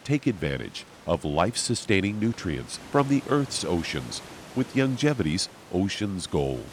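Deep-ish guy doing radio station ads, really animated pitch, smooth pro read. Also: unhurried, a little hiss or hum. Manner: polished promotional delivery. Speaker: radio announcer. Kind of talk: scripted announcer read.

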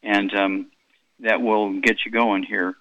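A man's voice: lowish voice, flat delivery, slow pace, no echo, lo-fi sound. A man in his eighties hosting a call-in radio health show, rambling through product doses with many fillers and repeats. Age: 80s.

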